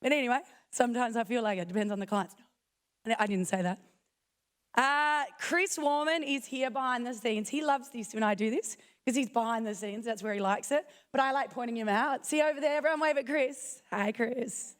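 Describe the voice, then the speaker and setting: At a conference hall, a woman gives a casual talk, pushing through a croaky voice she's struggling to keep going. Her pitch is fairly high, and beneath the rasp the tone stays smooth. She's chatty and keeps dropping quick self-deprecating jokes.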